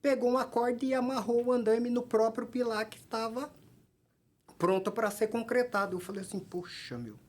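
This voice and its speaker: Brazilian guy in his 40s, husky voice, lively storyteller, does all the voices. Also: very high voice, moderate pace. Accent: Brazilian Portuguese. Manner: animated, acts out dialogue in his stories. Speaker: podcast guest, workplace safety technician. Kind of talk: anecdotal storytelling in a podcast interview.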